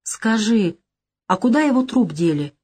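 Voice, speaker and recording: A woman's voice: medium pitch, big pitch swings, measured pace, a little mellow, husky, pitched above the performer's own voice. A woman reading an audiobook, voicing a sly, teasing young woman who is a gangster's girlfriend.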